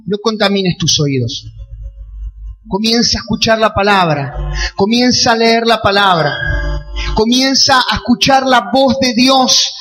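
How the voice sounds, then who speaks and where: A man with a Rioplatense Argentine accent, preaching a sermon as a pastor, often shouting key phrases with passion. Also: high voice, unhurried, pauses often. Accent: Rioplatense Spanish. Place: church hall. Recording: long church reverb, faint music behind.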